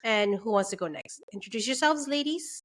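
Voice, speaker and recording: Talking a little fast in an animated, mid-range and slightly bright voice, this young Canadian woman runs a casual book club podcast chat. She speaks loosely, laughs often and uses plenty of fillers.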